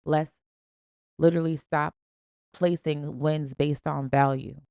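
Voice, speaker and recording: A woman's voice: low-pitched, fairly even intonation, slow, creaky, warm tone, dry recording, studio quality. A woman hosting a podcast, giving an emphatic, slangy, preachy motivational talk in a casual style. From Springfield. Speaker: podcast host.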